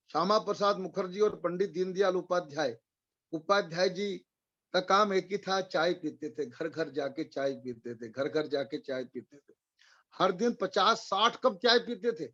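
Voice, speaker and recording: Male motivational speaker, high voice, rhetorical and repetitive, webinar audio a bit muffled. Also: fairly bright tone. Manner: rhetorical questions, repeats phrases for emphasis. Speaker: motivational speaker for insurance agents.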